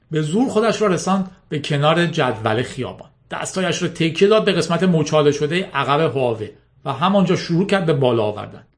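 A man narrating a story aloud in a steady, measured reading. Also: fairly high pitch. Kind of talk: scripted audiobook narration.

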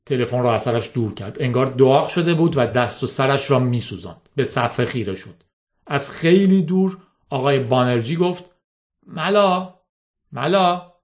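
A man's voice: mid-range voice, lively intonation, darkish tone. A man reading a story aloud, adding casual asides to his listeners. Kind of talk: audiobook reading.

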